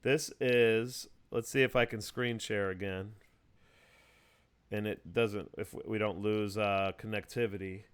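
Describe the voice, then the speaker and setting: A man's voice: on the low side, steady tone, a little slow, smooth. A man hosting a casual chat over a video call, explaining things at length with many fillers and restarts. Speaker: host. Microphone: video call mic.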